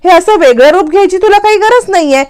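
A woman's voice: very high voice, lively intonation, fast talker, a little mellow, voice pushed up. A woman voicing a scheming young husband, coaxing and smug as he misleads his wife.

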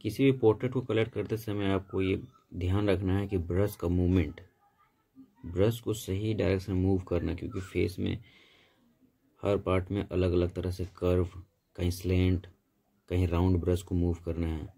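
A man's voice: low-pitched, fairly even intonation, moderate pace, creaky, warm tone. A man giving a painting tutorial in a voice-over, explaining each step patiently and steadily. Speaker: painting instructor.

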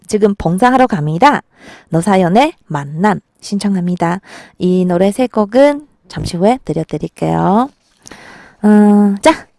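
A woman's voice: mid-range voice, darkish tone, dry recording, clean studio sound. A woman hosting a small local radio show, chatting casually with listeners and laughing often between lines. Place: small radio studio at a market.

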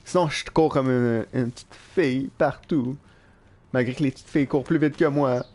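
A young man with a Quebec French accent giving live gameplay commentary in an animated, self-mocking way, swearing casually. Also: mid-range voice, normal speed. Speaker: live streamer. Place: at work.

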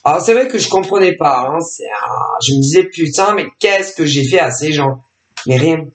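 A woman's voice: deep voice, expressive, normal speed. A woman hosting a tarot channel, talking to her subscribers in a rambling, sarcastic monologue full of fillers and interrupted by coughs from her allergies. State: coughing, throat irritation from allergies. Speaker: tarot and oracle channel host. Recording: echoey room.

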